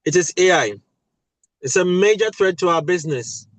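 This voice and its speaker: A man's voice: high voice, lively intonation, moderate pace, no echo, low-quality recording. A man with a West African, Ghanaian accent talking emphatically at a webinar, repeating key phrases for weight. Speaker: voice actor and audio producer speaking at a webinar. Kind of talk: animated panel talk.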